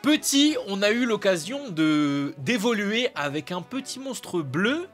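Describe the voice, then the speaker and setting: A man's voice: high-pitched, lively intonation, measured pace, a bit bright, soft background music. A young man presenting anime trivia to his viewers in a casual joking video, slangy and playfully indignant.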